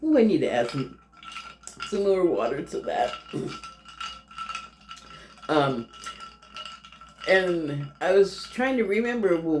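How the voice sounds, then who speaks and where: A woman's voice: on the low side, darkish tone, a little hiss or hum. A woman giving a casual, rambling TV review monologue, laughing often and trailing off into fillers. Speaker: TV critic. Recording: roomy echo.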